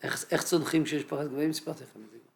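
Male yeshiva teacher, higher gravelly voice, anecdotal humorous lecturer. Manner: anecdotal, acts out scenes. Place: yeshiva study hall.

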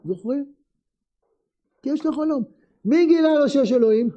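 A male teacher leading a classroom text lesson, asking his students many questions in a lively way. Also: extremely high pitch, muffled recording.

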